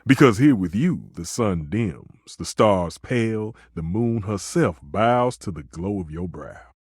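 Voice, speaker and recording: A male actor playing a passionate, dramatic, flirtatious living stove who works as a chef, with a theatrical, expressive delivery in a dating video game. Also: on the low side, unhurried, husky, dry recording, studio quality, heavily acted. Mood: smouldering, romantic. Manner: theatrical, expressive, swinging between exclaiming and murmuring. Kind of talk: voiced dating video game character lines.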